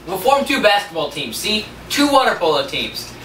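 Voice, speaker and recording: A young man in an amateur scene playing an eager younger brother who excitedly pitches a business scheme, recorded on a distant camera mic. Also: normal speed, exaggerated voice. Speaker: student actor. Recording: roomy, distant camera mic, faint hiss.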